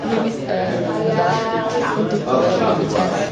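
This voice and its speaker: Young azerbaijani woman, slow careful foreigner indonesian, far from the mic in an echoey hall. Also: mid-range voice, flat delivery, vocal fry, over loud music, over a noisy crowd. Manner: foreigner speaking Indonesian, careful short phrases. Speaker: student learning Indonesian. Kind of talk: interview answers.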